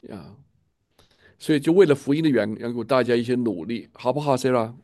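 A man's voice: mid-range voice, animated, fairly quick, a little mellow, dry recording, clean studio sound. A man leading a casual church chat, speaking with enthusiasm and a preachy manner, often repeating himself. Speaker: church leader.

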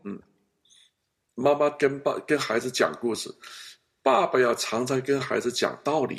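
A man's voice: medium pitch, normal speed, gravelly. A male pastor in a counseling chat, telling family stories and acting out the scenes as he goes. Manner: animated storyteller, acts out family scenes.

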